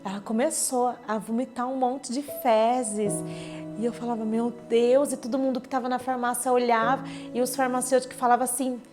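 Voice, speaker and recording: A woman's voice: a little high, little pitch movement, normal speed. A woman gives a personal church testimony, retelling events vividly and with emotion, acting out what others said. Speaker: church member giving testimony. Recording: clear background music under speech. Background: soft instrumental music.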